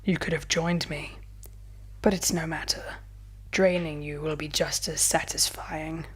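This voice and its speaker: Woman doing a low, drawling male vampire, seductive menace, thick purr. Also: little pitch movement, unhurried, slightly rough. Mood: hushed threat. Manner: thick, purring, salivating drawl.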